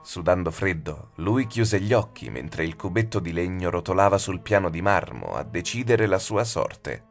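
A man narrating a horror story as an audiobook, in a measured, suspenseful way. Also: low-pitched, expressive, faint music behind. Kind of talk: scripted dramatic narration.

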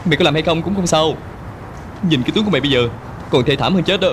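A man dubbing a brash young male ex-convict in a film, talking in a quick, mocking way. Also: a little high, background noise, natural voice. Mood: threatening. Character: cocky young male ex-convict just out of jail. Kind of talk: film dub.

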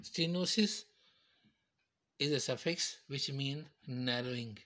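Man slowly explaining medical terms. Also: mid-range voice, bright, forceful tone. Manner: slow, repetitive, explains step by step. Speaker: teacher. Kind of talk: medical terminology lecture.

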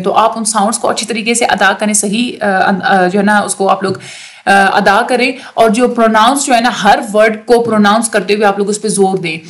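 A woman giving a fast exam-prep lecture, often stopping on fillers and restarting phrases. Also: medium pitch. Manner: fast talker with many fillers.

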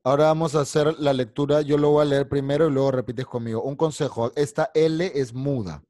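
Brief: bilingual male teacher, mid pitch, dry sound, patient step-by-step explainer on a video call. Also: steady tone, a little fast, mellow, no echo. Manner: explains patiently, mixing Spanish and English. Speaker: English teacher. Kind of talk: online English class.

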